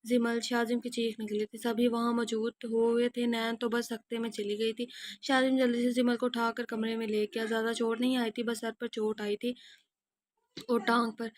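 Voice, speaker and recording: A woman's voice: on the high side, level tone, no room sound. A woman narrating a romance audio novel, reading steadily and sometimes correcting herself. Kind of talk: scripted narration.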